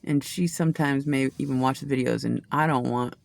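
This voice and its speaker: The tarot reader, a woman, speaks with an extremely low, creaky voice in a steady tone and at a brisk pace. Her casual reading rambles, full of restarts and side comments, and she says she has a loud voice.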